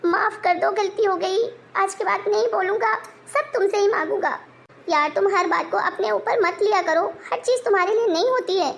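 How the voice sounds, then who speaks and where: A woman's voice: very high voice, moderate pace, vocal fry, fairly bright tone, full character voice. A woman voicing an exasperated young husband who pleads and sighs in a family story. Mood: pleading. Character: exasperated young husband, patient but fed up.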